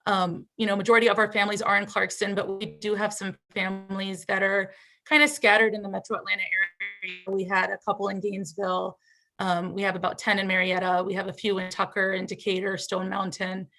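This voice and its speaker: A woman's voice: mid-range voice, level tone, a little fast, bright, forceful tone, faint music behind, poor audio. A woman who volunteers in refugee aid, speaking earnestly on a panel with many fillers. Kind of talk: panel talk.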